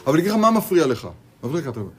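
A man's voice, pitched somewhat high, that swings widely up and down as he teaches a Torah lesson in a kollel. He repeats his words, fires off rhetorical questions and acts out his students' replies. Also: sing-song, husky. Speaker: rabbi teaching a class. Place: kollel study hall.

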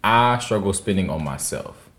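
A man's voice: sits low, animated, fairly bright tone. A man co-hosting a podcast, talking earnestly and reflectively in casual banter. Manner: reflective, earnest, drawn-out phrasing. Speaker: podcast co-host.

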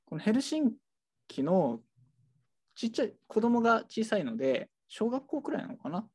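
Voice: medium pitch, normal speed, slightly rough. A bookshop staffer chatting casually while showing shelves, rambling with many fillers. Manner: animated, rambling, full of fillers. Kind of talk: casual chat.

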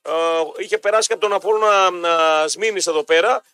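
Man from Greece, radio co-host, teasing banter, gravelly, dry close mic. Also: high voice, bright, forceful tone, no room sound. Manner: teasing, talks over his partner. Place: radio studio. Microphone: studio microphone.

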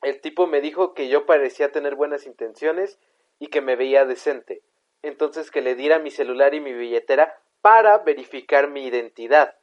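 A man's voice: on the high side, normal speed. Young Mexican man, dull lo-fi sound. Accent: Mexican Spanish. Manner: laughing, joking, swears. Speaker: podcast co-host. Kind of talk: casual chat and reading a story aloud.

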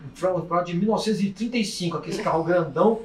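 Man, high voice, telling a rambling story in a voice note recorded far from the mic in an echoey room. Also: quick pace, a little hiss or hum. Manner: chatty, rambling anecdote with restarts. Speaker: listener sending a voice message. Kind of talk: casual storytelling. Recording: echoey, distant voice message.

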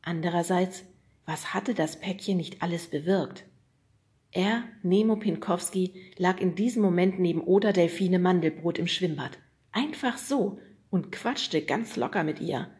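A woman narrating a children's audiobook in a lively storytelling manner. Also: fairly low pitch, unhurried.

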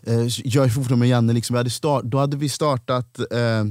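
A man's voice: mid-range voice, dry recording, clean studio sound. A man, a stand-up comedian, telling stories in a casual podcast chat, acting out the people he quotes. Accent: Swedish. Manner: animated storyteller, acts out quoted voices.

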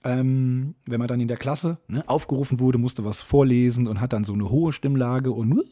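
Raspy, hoarse male podcast host. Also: mid-range voice, fairly even intonation, normal speed, dark tone. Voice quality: raspy, rough gravelly voice. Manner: chatty, self-mocking. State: hoarse, strained voice breaking on high notes. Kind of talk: casual solo podcast monologue.

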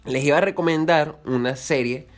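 A young man chats alone on his podcast in a slightly high voice. He rambles from one aside to the next, swearing freely and cutting himself off mid-word to restart. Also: normal speed, a little hiss or hum. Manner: rambling, crude and joking, with self-interruptions. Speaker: podcast host. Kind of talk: casual solo podcast chat.

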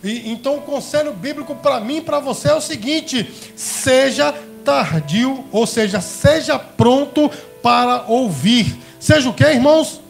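A man's voice: very high voice, animated, a little slow, vocal fry, soft background music. A man preaching a sermon as pastor, calling his listeners brothers and beloved and asking them questions.

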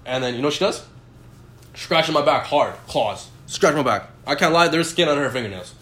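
Fast-talking man telling crude stories. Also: fairly high pitch, lively intonation, a bit bright, echoey room. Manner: laughing, storytelling, profane. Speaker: podcast co-host. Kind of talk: crude casual chat.

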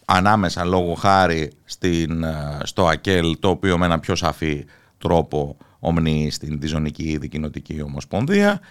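A man hosting a political interview, putting formal questions in measured, articulate language. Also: very deep voice, animated, clean tone, dry recording, clean studio sound. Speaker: interviewer, host.

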